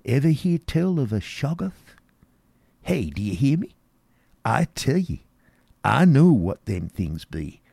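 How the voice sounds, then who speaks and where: A frantic old man, rambling in thick country dialect, voiced by a man reading aloud. His voice is gravelly and swoops high and low. It sits close and dry. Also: big pitch swings, slow, long pauses, warm tone, no room sound, exaggerated voice. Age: older. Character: wild-eyed terrified old male drunkard. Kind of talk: dramatic reading.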